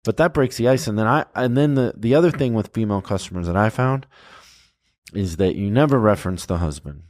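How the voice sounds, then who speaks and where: A man's voice: fairly low pitch, fairly quick, no room sound, clean studio sound. A man hosting a casual podcast chat, telling stories from his own work and acting out the customers in them. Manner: animated storyteller, acts out customer exchanges. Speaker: podcast host.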